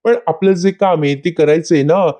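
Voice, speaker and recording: Male recap narrator, casual, speaks to viewers; mellow, slightly high. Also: normal speed. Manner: addresses viewers directly. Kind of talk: casual retelling of a TV episode.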